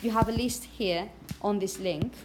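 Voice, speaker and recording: A woman's voice: medium pitch, moderate pace, background noise. A woman teaching a classroom pronunciation lesson, patiently correcting students and often checking "okay?".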